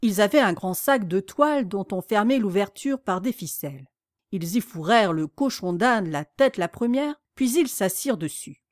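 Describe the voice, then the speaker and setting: A woman narrating a children's classic as an audiobook, reading in a clear, measured way. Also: medium pitch, expressive, no echo, studio quality. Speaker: audiobook reader. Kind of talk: storybook narration.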